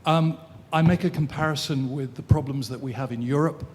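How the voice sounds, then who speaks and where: Man with mid-pitched voice at a conference mic, formal and halting, bit of hiss. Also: fairly even intonation. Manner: formal, hesitant with fillers. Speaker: audience member commenting. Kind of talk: conference floor comment. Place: conference hall.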